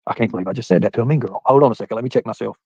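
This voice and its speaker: In a casual live stream, a man in his forties reads the chat and rambles, talking straight to viewers by name. His mid-range voice is mellow and husky, and he races along. The audio is dull, with no echo.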